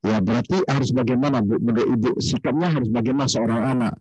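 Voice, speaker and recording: A man with a husky voice slowly putting questions to a guest in an online church discussion. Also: medium pitch, steady tone, darkish tone, dry recording, soft background music, rough recording. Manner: slow, questioning, with casual asides. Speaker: discussion host.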